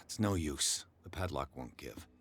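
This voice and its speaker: An actor playing a stern older male investigator in a video game, with a gravelly voice. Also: very deep voice, lively intonation, moderate pace, a bit bright, full character voice. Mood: grim.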